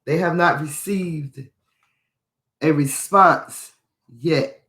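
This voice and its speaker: A man's voice: fairly high pitch, extremely slow, a bit bright. Indignant man reading news, echoey room. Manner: indignant, repeats phrases for emphasis. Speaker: podcast host. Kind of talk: reading and commenting on a news article.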